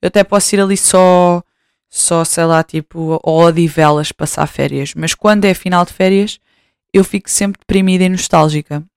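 Young European Portuguese woman, podcast host, chatty and self-mocking; smooth, clear voice, dry close sound. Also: on the low side, fairly even intonation, moderate pace, no room sound. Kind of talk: casual solo chat.

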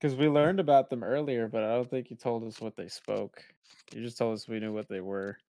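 A man's voice: medium pitch, steady tone, fairly quick, warm tone. A man playing in a tabletop game, laid-back and joking, swearing casually. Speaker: player.

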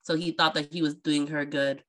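A woman co-hosting a casual book podcast, animated and laughing often as she discusses chapters. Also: low-pitched, normal speed. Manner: animated, laughing, swearing freely.

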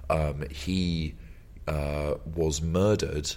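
A man's voice: very deep voice, fairly even intonation, drawn-out words, darkish tone. A man co-hosting a podcast, chatting casually about a film, rambling and laughing often. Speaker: podcast co-host.

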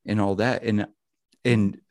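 A man's voice: fairly low pitch, little pitch movement, takes it slowly, a little mellow, no room sound, studio quality. A man around thirty hosting a casual podcast chat, rambling and profane, leaning on "you know what I mean.". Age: 30s.

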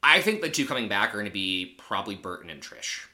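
A man's voice: on the low side, very animated, fast talker, sharp tone. A man co-hosting a podcast, speculating about a reality show in casual chat with wry quips. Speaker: podcast co-host and editor.

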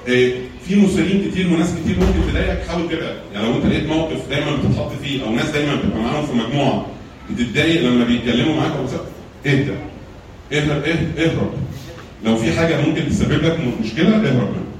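A man's voice: a little high, very fast, a little hiss or hum. A man with an Egyptian Arabic accent giving a church talk on anger management with slides. He teaches with rhetorical questions and repeated phrases. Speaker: church lecturer. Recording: very echoey room, mic far off.

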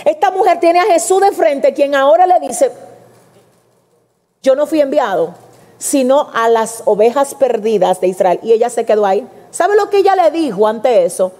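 Woman preacher, animated sermon delivery, higher voice, big reverberant church hall. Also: normal speed. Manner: animated, addresses congregation directly, acts out quotes.

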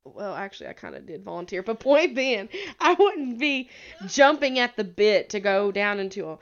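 A woman's voice: mid-range voice, big pitch swings, normal speed, highs cut off. A young woman from the American South with a Southern accent, co-hosting a podcast and telling a story in a rambling, giggly way. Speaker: podcast co-host. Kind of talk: casual chat.

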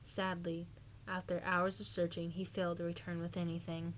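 A woman's voice: fairly low pitch, completely flat delivery, moderate pace, a little hiss or hum, poor audio. A woman podcast host chatting casually and reading a spooky story aloud.

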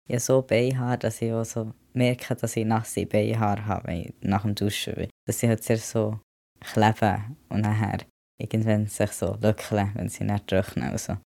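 A man's voice: mid-range voice, mellow, no room sound, studio quality. A man with a Swiss German accent talking in a casual vlog monologue, chatty and mixing in English words. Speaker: vlogger.

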